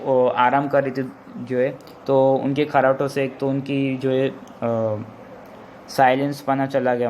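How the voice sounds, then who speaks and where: A male English teacher explaining a textbook lesson line by line, rephrasing often and reading the English passages slowly. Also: medium pitch, slight background noise, low-quality recording. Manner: reads English lines slowly and deliberately.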